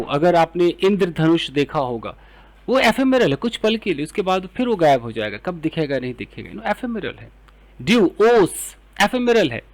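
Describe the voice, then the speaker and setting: A man with an Indian English accent teaching English words, explaining in Hindi and reading example sentences slowly. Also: fairly high pitch. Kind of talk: vocabulary lesson.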